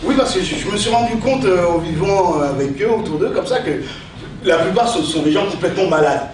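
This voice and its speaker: Male stage comic, hammy and declamatory, very animated intonation; distant, heavily reverberant live recording. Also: high-pitched, fairly quick. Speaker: sketch comedian on stage. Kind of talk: theatrical stand-up monologue with verse tirade. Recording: echoey hall, distant mic, noisy.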